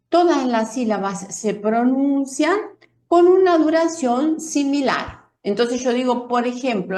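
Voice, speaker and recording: A woman teaching a pronunciation lesson, explaining slowly and carefully with spoken demonstrations. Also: high-pitched, roomy sound. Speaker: Spanish teacher.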